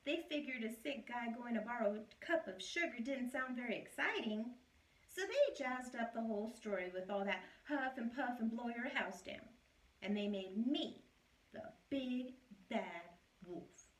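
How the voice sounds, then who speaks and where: Voicing a wolf who claims he was set up, a woman teacher reads from a storybook in a chatty, wry, self-excusing tone, sounding aggrieved. Her voice is slightly high and animated, at a measured pace, captured from a distance with roomy echo.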